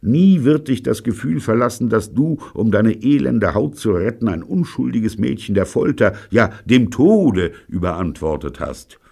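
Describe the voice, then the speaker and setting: A man's voice: lowish voice, animated, a little slow, gravelly, hardly any pauses, dark tone, breathy edge, pitched above the performer's own voice, heavily acted. A man voicing an earnest boy who lectures his friend with solemn reproach. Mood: reproachful. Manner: solemn, preachy.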